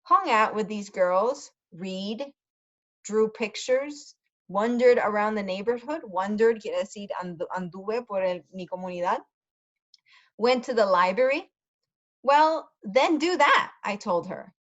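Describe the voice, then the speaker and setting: This woman tutor's mid-range voice has lively intonation and a measured pace as she slowly reads a story for English learners. She carefully repeats key words and adds brief Spanish glosses, though the recording has its highs cut off.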